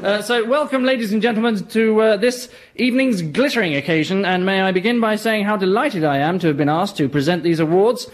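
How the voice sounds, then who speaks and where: A man's voice: high voice, fairly quick, few pauses, natural voice. A man playing a long-suffering disc jockey hosting a comedy awards show, hesitant and stiffly polite. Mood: awkwardly formal.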